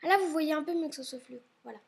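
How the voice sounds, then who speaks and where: A woman's voice: high-pitched, fast talker, gravelly, slight background noise. A young woman vlogging at home and chatting about her school supplies, rambling and often apologizing, a little ill and maybe stuffy-nosed. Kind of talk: casual chat showing school supplies. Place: at home, indoors.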